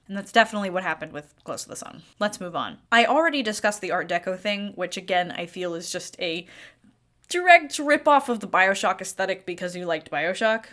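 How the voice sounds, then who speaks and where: A woman's voice: mid-range voice, fairly bright tone. A woman giving scripted, opinionated video-essay commentary as a critical game reviewer.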